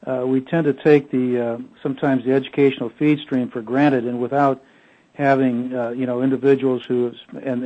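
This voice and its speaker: A man giving an oral history interview, speaking with many fillers and restarts. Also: mid-range voice. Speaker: interview guest. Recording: dull, muffled lo-fi audio.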